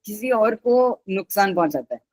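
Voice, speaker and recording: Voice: mid-range voice, expressive, moderate pace, dry recording, low-quality recording. A teacher giving a patient live online class who repeats each key word and its synonyms and mixes in English words.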